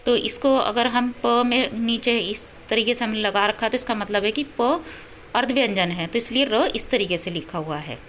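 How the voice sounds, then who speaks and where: A woman's voice: on the high side, normal speed, fairly bright tone, a little hiss or hum. A woman teaching a Sanskrit lesson, patiently explaining and spelling out syllables one by one. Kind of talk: self-study lesson.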